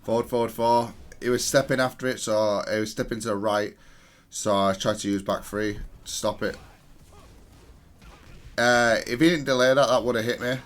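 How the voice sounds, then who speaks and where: In a mid-range voice with fairly even intonation and a moderate pace, a man goes over a match he played. The commentary is analytical, plain, and self-critical.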